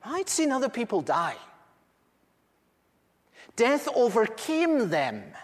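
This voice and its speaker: A man's voice: very high voice, huge pitch swings, takes it slowly, heavily acted. A man performing a first-person dramatic monologue as an aged apostle recounting what he witnessed, earnest and intimate with dramatic swells. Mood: solemn. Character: aged male apostle recounting eyewitness memories. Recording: echoey hall with long reverb.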